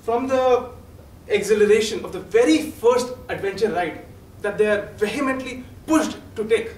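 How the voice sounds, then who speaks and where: A young Indian-accented man gives a prepared humorous speech in a notably high voice. His delivery is formal, rehearsed and theatrical, with deliberate pauses. He is heard from a distance in a roomy, echoing space with faint noise. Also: darkish tone. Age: young adult.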